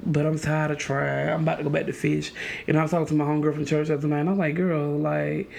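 Gravelly guy riffing crude on a comedy podcast, voice sits a bit high. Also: level tone, very fast, darkish tone. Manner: crude, theatrical, recites poems mockingly. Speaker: podcast co-host. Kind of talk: casual comedic chat.

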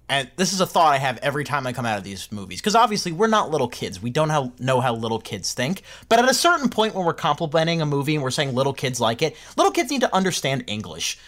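A man co-hosting a film podcast, giving opinionated, animated reviews in a casual chat. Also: a little high, quick pace, hardly any pauses. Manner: opinionated, animated, laughs often. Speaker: podcast co-host.

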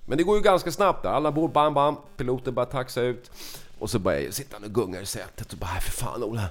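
A man telling a funny travel story in casual chat, acting out the quotes with big swings in his voice. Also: medium pitch. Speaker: podcast host.

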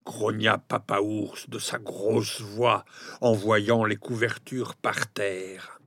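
A man reading a children's fairy tale aloud, very expressive, and now and then speaking straight to his listeners. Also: lowish voice, slow pace, no room sound. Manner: expressive, addresses listeners directly. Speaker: storyteller.

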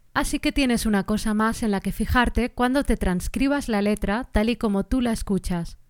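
A woman, hosting a singing-lesson podcast and explaining things in a clear teaching tone. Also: medium pitch, no room sound, studio quality.

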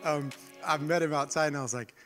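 A man's voice: fairly high pitch, fairly even intonation, fast, long reverb tail, over music. A man with a nasal, congested-sounding voice giving a conversational sermon as a teaching pastor, informally checking in with listeners as he goes. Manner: informal, frequent check-ins like "right?" and "okay?".

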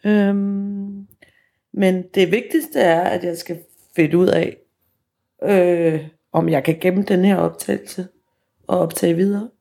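A woman's voice: fairly low pitch, fairly even intonation, vocal fry, mellow. A woman in her forties hosting her own podcast, talking candidly and reflecting on herself. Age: 40s. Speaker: podcast host. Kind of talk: personal podcast narration.

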